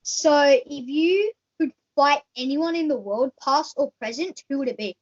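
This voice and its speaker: A woman's voice: high-pitched, expressive, normal speed, highs cut off. A woman hosting a casual, chatty interview and asking the questions.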